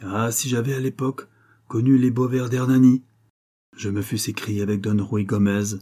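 Dark, husky male storyteller. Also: mid-range voice, normal speed. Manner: expressive, dramatic storytelling. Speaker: narrator. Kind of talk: scripted audiobook narration.

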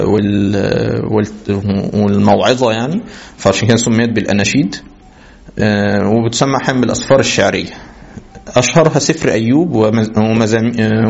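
Man, Egyptian accent, teacher, halting delivery with fillers, raspy, muffled recording. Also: lowish voice, a little mellow. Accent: Egyptian Arabic. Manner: halting, many fillers and restarts. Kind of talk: lecture. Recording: dull lo-fi sound.

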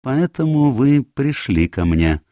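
A man voicing a fussy little Belgian male detective in an audiobook, speaking in a precise, measured, insistent way. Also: mid-range voice, very animated, dark tone, dry recording, voice pushed up. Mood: grave. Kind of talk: audiobook character voice.

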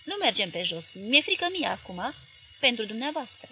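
A woman's voice: on the high side, very animated, bright, forceful tone, slight background noise, full character voice. A woman reading the lines of an earnest, loyal young man in an audiobook.

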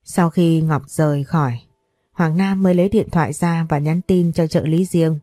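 A woman narrating a scripted first-person story in a steady, even manner. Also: sits low, normal speed, dry recording, studio quality.

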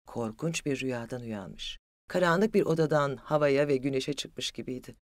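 An audiobook narrator reading a literary story in an even, steady way. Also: mid-range voice, normal speed, dry recording, clean studio sound.

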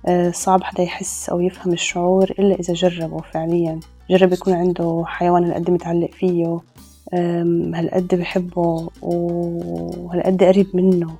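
A woman, telling a personal story in a reflective, hesitant way with pauses and fillers. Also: on the low side, completely flat delivery, dark tone, slightly rough, faint music behind. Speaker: storyteller guest.

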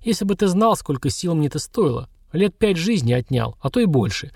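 A man's voice: fairly high pitch, big pitch swings, a little fast, gravelly, a little mellow, breathy edge, no room sound, studio quality, voice pushed up, full character voice. A man voicing a stern old woman healer and witch who scolds brusquely. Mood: stern scolding.

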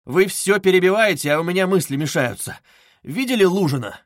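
A man's voice: fairly high pitch, moderate pace, no echo, studio quality, close to an everyday voice. A man voicing a feverish young man, irritable, strained and insistent. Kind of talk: audiobook character reading.

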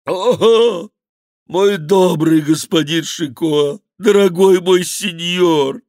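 A man voicing a fat, cowardly male monk who wails and pleads loudly, in a high, drawn-out voice in an audiobook. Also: no echo, clean studio sound, lightly acted. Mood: wailing. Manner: wailing, pleading, loud lamenting.

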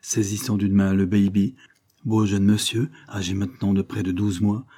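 A man narrates a classic novel for an audiobook, reading in a measured, even manner. His voice sits low and warm, with a faint husky edge. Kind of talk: scripted narration.

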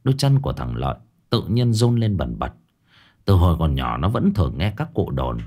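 A man's voice: deep voice, very animated, normal speed, a little mellow. A man narrating a ghost story in a dramatic storytelling manner.

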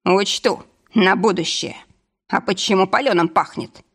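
Woman reading a wry, calm male driver. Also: medium pitch, a little slow, husky. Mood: level. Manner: dry, matter-of-fact.

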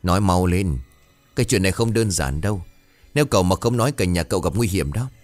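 Guy as a stern ghost-busting master, bossy, low voice. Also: lively intonation, fast talker, a little mellow, no echo, soft background music. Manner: stern, commanding. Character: stern middle-aged male exorcist.

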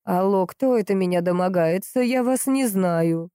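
A woman voicing a creaky-voiced old woman on the phone who talks slowly and grumbles. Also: medium pitch, dark tone, no room sound, studio quality, natural voice. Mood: grumbling.

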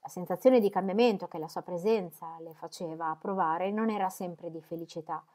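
A woman's voice: on the low side, normal speed, mellow. Woman reading a novel aloud. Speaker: audiobook reader. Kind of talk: literary audiobook narration.

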